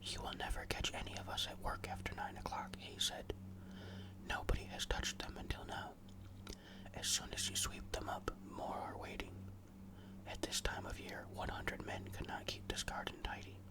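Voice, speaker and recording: A storyteller reading a ghost story in a hushed, suspenseful whisper, deliberate and fully unvoiced, in an ASMR style. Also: low-quality recording.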